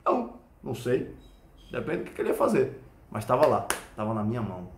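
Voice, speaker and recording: A Brazilian man, a Krav Maga instructor, explaining a point through an animated personal story and often checking whether the listener follows. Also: mid-range voice, brisk. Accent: Brazilian Portuguese. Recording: echoey room.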